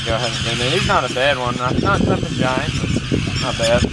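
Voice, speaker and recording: A man's voice: medium pitch, animated, fairly quick. Young man vlogging outdoors, easygoing and rambling. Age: young adult. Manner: easygoing, rambling, lots of "uh" and "you know". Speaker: fishing vlogger. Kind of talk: casual vlog narration. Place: outdoors by a truck, then on a boat on a lake. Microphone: handheld camera close to face, later camera mounted on boat. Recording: noisy outdoor camera audio. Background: wind, engine and water noise.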